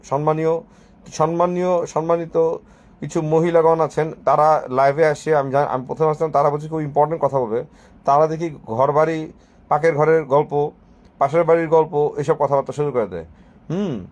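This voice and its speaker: A man with a somewhat high voice rambles through his live stream. He talks in a mocking, sarcastic way and slips English phrases into his speech. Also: a little mellow. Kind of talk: casual live-stream monologue.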